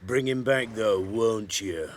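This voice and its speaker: An actor playing a hungover, sluggish stable groom. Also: male voice, fairly low pitch, slow pace. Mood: groggy. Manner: sluggish, mumbling. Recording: game audio with loud clatter and animal noise.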